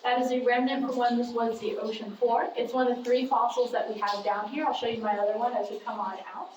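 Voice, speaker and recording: A woman's voice: fairly high pitch, fairly even intonation, fairly quick, a little mellow. A woman working as a cave tour guide, chatting informally and jokily to a group as she explains and tells stories. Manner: chatty, jokey, addressing a group. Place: inside a cavern. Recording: echoey cave, distant mic, clear background noise.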